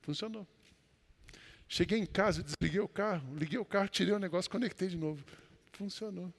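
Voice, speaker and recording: A man with a Brazilian accent, a pastor preaching a sermon and telling a personal story, with sudden loud exclamations between quieter asides. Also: high voice, brisk, creaky, slightly rough. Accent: Brazilian Portuguese. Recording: long hall reverb.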